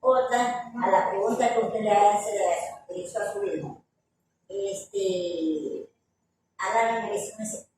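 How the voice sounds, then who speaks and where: A woman's voice: mid-range voice, slow. A woman sharing a personal testimony with her church group, rambling through the story with filler asides and tag questions. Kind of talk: telling a personal anecdote. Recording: echoey room, voice from far off, background noise.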